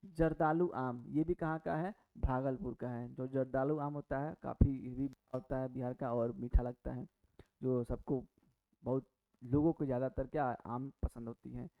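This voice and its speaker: A man's voice: mid-range voice, steady tone, moderate pace. A man teaching an exam-prep lesson, chatty, asking and answering his own questions with many fillers and restarts. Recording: tinny phone-like audio.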